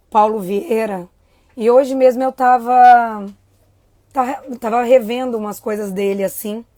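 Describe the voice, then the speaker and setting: Woman with a high mellow voice talking to a crowd, lively, dry sound. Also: no echo. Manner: lively, addresses the crowd with questions; acts out a child's inner voice. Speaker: speaker. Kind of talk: motivational talk to a live audience.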